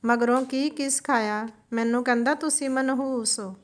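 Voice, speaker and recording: A woman voicing a quarrelsome young mother who scolds and nags in a slightly high voice. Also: normal speed, natural voice. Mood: nagging. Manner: scolding, nagging. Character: scornful young mother, sharp-tongued, quarrelsome.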